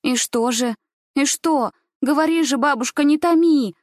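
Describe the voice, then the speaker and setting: A woman's voice: a little high, fairly even intonation, slow pace, no room sound, clean studio sound. A woman voicing a frightened, desperate young girl who pleads and cries out accusations. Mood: frantic.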